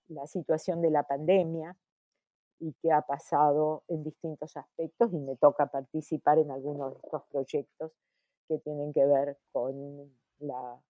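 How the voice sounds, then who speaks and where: Slow, mellow older Argentine woman. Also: sits low, dry recording. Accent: Argentine Spanish. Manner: slow, thoughtful, many hesitations and restarts. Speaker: academic researcher guest. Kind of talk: podcast interview.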